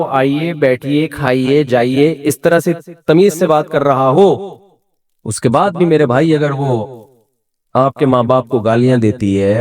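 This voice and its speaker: A middle-aged man giving a conversational religious lecture with humor, asking his listeners questions and acting out quoted voices. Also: mid-range voice. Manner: animated, humorous, asks the audience questions; acts out quoted voices within the talk. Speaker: Islamic scholar giving a talk.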